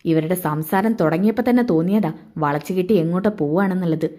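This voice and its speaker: A woman's voice: lowish voice, fairly quick, warm tone, lightly acted. A woman voicing a young man who is bitter and insistent with his mother. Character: young man, angry, protective son.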